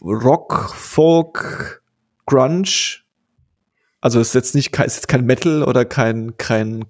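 A man co-hosting a podcast talks in a loose, rambling way, filled with fillers and restarts. His voice is mid-range and darkish, recorded with clean studio sound and no echo.

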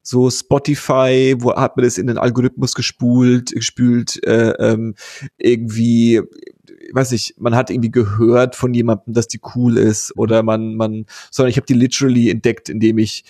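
A man's voice: medium pitch, flat delivery, moderate pace, dark tone, dry recording, clean studio sound. A man co-hosting a podcast, chatting casually and rambling with many fillers and restarts. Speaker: podcast co-host.

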